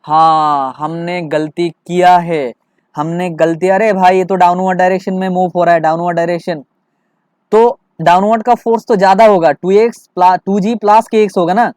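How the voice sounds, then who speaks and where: A man's voice: sits high, steady tone, normal speed, darkish tone, clear, resonant tone, no room sound. A male physics teacher working through a problem for students, repeating his checks, asking rhetorical questions and mixing in English terms. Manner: mixes English terms into Hindi.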